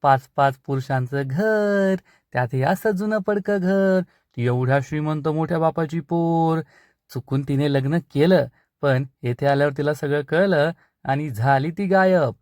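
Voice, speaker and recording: A man's voice: on the high side, measured pace, darkish tone, no room sound, clean studio sound, close to an everyday voice. A man doing a snide village schemer. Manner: snide, scoffing.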